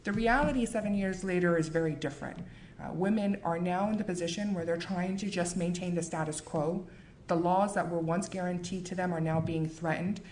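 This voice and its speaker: American woman, author, book talk and reading, measured and earnest, lowish voice, faint noise behind. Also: a little mellow. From United States. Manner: measured, earnest, with frequent fillers.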